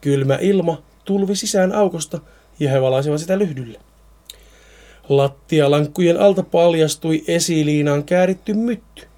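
A man's voice: a little high, mellow. A man reading a Finnish horror story aloud, now and then stumbling and repeating words.

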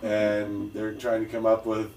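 A low-pitched man on a casual podcast, stumbling over repeated words as he retells movie scenes. He sits away from the mic in a roomy, echoing space, with faint noise behind him. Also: measured pace, far from the mic, a loud crowd. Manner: stammering restarts, animated retelling of scenes. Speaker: podcast co-host. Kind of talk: casual chat.

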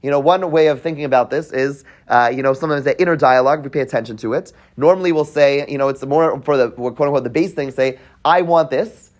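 A man's voice: medium pitch, fast, few pauses. Male teacher giving a classroom text study, reading passages, translating and explaining, with frequent restarts. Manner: reads Hebrew passages then translates and explains; frequent restarts, checks in with "right?" and "okay?". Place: classroom with listeners present.

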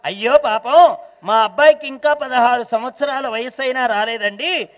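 A man's voice: very high voice, moderate pace, phone-quality sound. A man voicing an aged king in a sermon retelling, asking hesitant, pleading questions. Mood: anxious.

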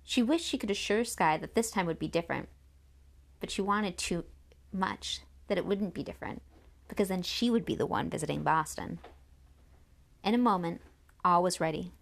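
A woman narrating a children's novel in an audiobook, with expressive storytelling. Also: fairly low pitch, normal speed, creaky, long pauses.

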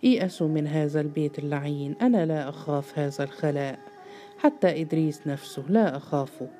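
A woman's voice: deep voice, fast talker, warm tone, natural voice. A woman voicing a bitter, scornful young man who mocks his brother. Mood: defiant. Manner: sneering, defiant.

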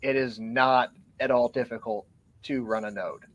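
A man's voice: medium pitch, steady tone, moderate pace, no room sound, highs cut off. A man, a guest on a podcast, explaining his view in casual discussion, earnest and a little out of breath. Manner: earnest, explanatory, reads from show notes. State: a bit out of breath.

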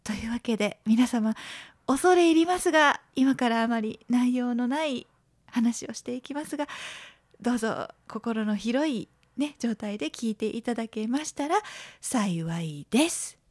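Animated, high-pitched woman hosting a podcast. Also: a little slow, no room sound. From Tokushima, Japan. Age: late 30s to 40s. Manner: lively, playful, acts out quoted lines in a higher voice. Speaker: podcast host. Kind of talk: solo podcast chat.

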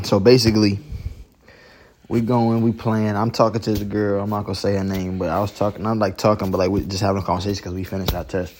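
A man's voice: lowish voice, fairly even intonation, brisk, slight background noise. A young man hosting a podcast, telling stories in casual, profane slang, often breaking into laughter. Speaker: podcast host. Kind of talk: casual chat, storytelling.

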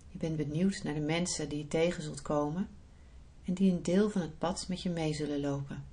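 A woman podcast host guiding a relaxation visualisation in a soft, soothing, unhurried manner. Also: deep voice, fairly even intonation. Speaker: podcast host, breathing therapist and yoga teacher.

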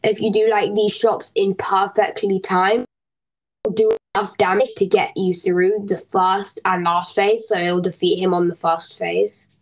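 A woman co-hosting a podcast in casual chat, rambling and halting with many fillers as she explains game tactics. She restarts her sentences often. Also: medium pitch, flat delivery, poor audio. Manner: explains game strategy in detail. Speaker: podcast co-host.

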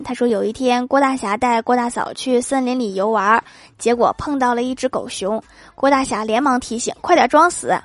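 A woman with a fairly high voice reads short comic stories as the host of a joke show. She tells them playfully and laughs at her own punchlines. The recording is close and dry, with no room sound. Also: dry recording. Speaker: host of a comedy joke podcast. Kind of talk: reading jokes with acted quotes.

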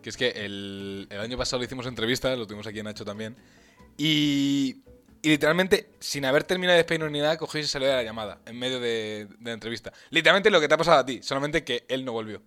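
Male podcast host, relaxed conversational delivery. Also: mid-range voice, fast, soft background music. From Spain, Murcia and La Mancha. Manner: relaxed, wraps up the show. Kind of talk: casual podcast chat.

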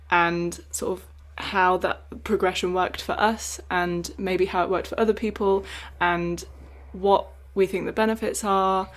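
A woman's voice: medium pitch, slight background noise. A woman hosting a podcast, introducing the topic in a casual, repetitive way. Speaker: podcast host. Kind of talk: casual chat.

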